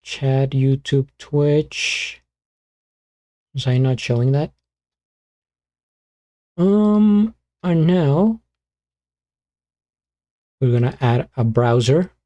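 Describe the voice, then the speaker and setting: Slow, mellow-voiced man muttering through a stream setup. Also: medium pitch, animated. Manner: muttering to himself while setting up stream software. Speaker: beatbox streamer. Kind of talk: casual live-stream chat.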